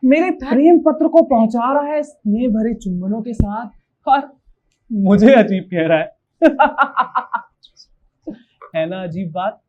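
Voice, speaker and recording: A woman's voice: a little high, lively intonation, unhurried, muffled recording. A woman playing a ruthless male seducer in a stage play, who gloats in sly asides to the audience. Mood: sly gloating.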